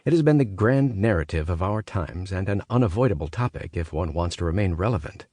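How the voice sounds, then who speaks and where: A man's voice: low voice, lively intonation, fairly quick, warm tone, no echo. A man reading a scripted nonfiction audiobook as its narrator.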